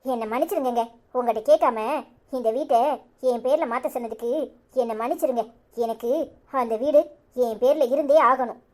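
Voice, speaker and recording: A woman's voice: a little high, close to an everyday voice. Woman voicing a stubborn young wife in a cartoon. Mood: apologetic. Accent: Tirunelveli Tamil. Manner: accusing, insistent, rapid-fire questions. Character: young married daughter, bitter and stubborn. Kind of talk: cartoon serial voice acting.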